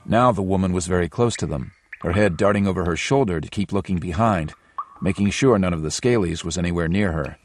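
Deep-voiced man narrating a story. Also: a little fast, slight background noise. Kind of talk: scripted audiobook narration.

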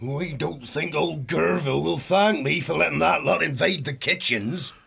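A man's voice: on the high side, normal speed, vocal fry, fairly bright tone, slightly rough, voice pushed up, exaggerated voice. A man voicing a big, good-natured male otter cook with a rustic homely dialect. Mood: hearty.

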